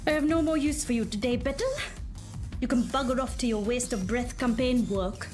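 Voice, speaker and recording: A woman's voice: on the high side, moderate pace, darkish tone, faint music behind, lightly acted. A woman playing a caustic, scornful, sarcastic workshop boss in a video game. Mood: grudging, sardonic. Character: foul-mouthed, scornful female boss of a robot workshop. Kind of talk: video game character acting.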